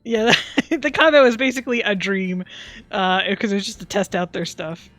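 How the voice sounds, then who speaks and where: A woman's voice: medium pitch, expressive, moderate pace, fairly bright tone. Giggly woman running a tabletop game. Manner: giggly, hesitant narration full of fillers. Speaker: game master. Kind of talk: narrating a tabletop game on a charity stream.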